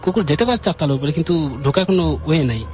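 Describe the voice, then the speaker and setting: A man with a fairly high voice calls in to a radio show and tells his ghost story earnestly, pausing and restarting as he goes. The line is dull and lo-fi, with faint music underneath. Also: expressive, darkish tone. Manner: earnest, halting retelling. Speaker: caller. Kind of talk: telling a personal ghost story.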